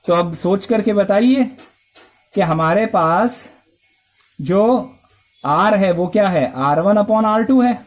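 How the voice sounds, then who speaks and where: A man's voice: high voice, animated, slow, pauses often. A male math teacher lecturing a class, explaining step by step and asking and answering his own questions.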